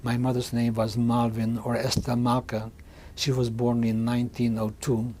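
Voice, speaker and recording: A man in his sixties from Hungary, giving oral history testimony in a halting way, often restarting and repeating words. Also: medium pitch, monotone, darkish tone, a little hiss or hum. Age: 60s. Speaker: interviewee.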